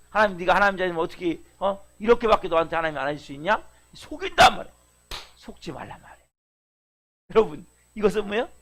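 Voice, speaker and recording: A middle-aged man preaching a dawn sermon in a high voice. He keeps asking his listeners rhetorical questions and presses his point by repeating key words. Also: fairly bright tone. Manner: rhetorical questions, emphatic repetition. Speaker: pastor.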